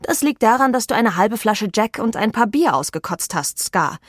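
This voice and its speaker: A woman's voice: on the high side, lively intonation, normal speed, no room sound, clean studio sound. A woman voicing a young woman who scolds her drunk best friend. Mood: scolding. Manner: scolding, matter-of-fact.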